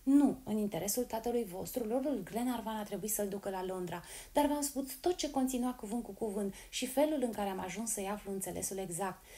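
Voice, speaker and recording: Kind gentle young noblewoman voiced by a woman, reassuring, measured, mellow tone, storybook reading. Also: medium pitch, close to an everyday voice.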